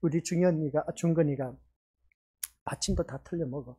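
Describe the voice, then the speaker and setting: A male pastor delivers a sermon in a church. His voice sits high for a man and has a husky grain, and he preaches earnestly while acting out bits of dialogue from a story about the children. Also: moderate pace, dark tone. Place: church sanctuary.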